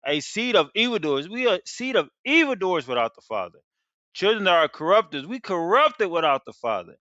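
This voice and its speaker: A man's voice: high-pitched, very animated, a little fast, sharp tone, dry recording. A man teaching a Bible lesson, reading verses and then paraphrasing them in everyday slang. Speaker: street preacher teaching scripture. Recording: dry, dull lo-fi sound.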